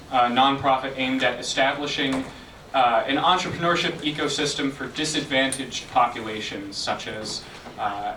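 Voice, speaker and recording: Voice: mid-range voice, a bit bright. Host reading a speaker intro, echoey room, mic far off. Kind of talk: formal introduction. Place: event hall with audience. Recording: roomy, distant mic, faint noise.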